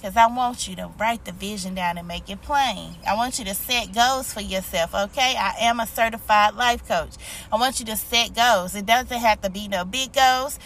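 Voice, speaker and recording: A woman's voice: medium pitch, moderate pace, a bit bright, slight background noise. An American woman speaking informally as a life coach to her followers, encouraging them with emphatic repetition. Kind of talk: informal motivational talk to online followers.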